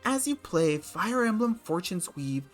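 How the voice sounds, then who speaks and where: A man voicing a dramatic male game-trailer announcer with a slow delivery. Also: sits high, big pitch swings, faint music behind, voice pushed up.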